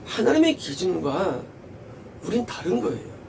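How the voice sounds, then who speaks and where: A man's voice: high-pitched, sing-song, measured pace, vocal fry, darkish tone, distant mic, slight background noise, rough recording. A male pastor preaching a sermon with emphasis, repeating key phrases and asking rhetorical questions.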